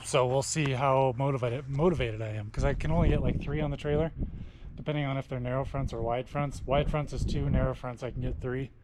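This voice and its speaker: A young man chatting casually as he walks through his barn and shop showing off old tractors, folksy and quick to correct himself. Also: medium pitch, fairly even intonation, background noise. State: out of breath. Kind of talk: casual walkthrough talk.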